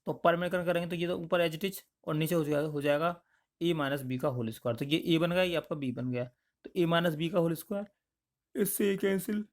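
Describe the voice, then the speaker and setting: A man's voice: fairly high pitch, normal speed. A man teaching maths, explaining each step aloud and often checking in with "okay" as he works through the problems. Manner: explains in plain spoken steps, with frequent checks like "okay".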